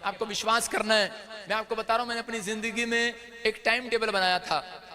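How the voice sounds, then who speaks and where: A male pastor preaches an impassioned sermon, telling everyday stories and rising to shouts. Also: high voice, fairly even intonation, a little fast, crowd noise.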